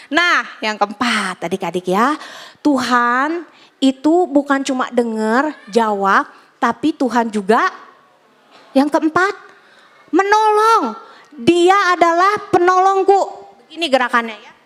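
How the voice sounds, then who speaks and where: A young woman giving a lively children's Bible lesson, acting out little prayers and story lines for the kids. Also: high voice, a little slow. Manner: animated, acts out prayers and story voices for kids. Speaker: Sunday school teacher.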